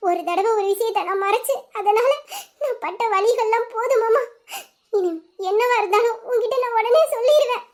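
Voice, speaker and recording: A woman's voice: very high-pitched, a little fast. A woman playing a tearful, devoted young wife. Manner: tearful, pleading, tender. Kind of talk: romantic audio drama acting.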